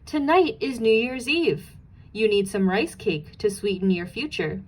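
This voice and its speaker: A woman's voice: mid-range voice, animated, unhurried. A woman voicing a brave, clever little girl in a storybook, speaking with urgent, persuasive delivery. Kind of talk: storybook character voice.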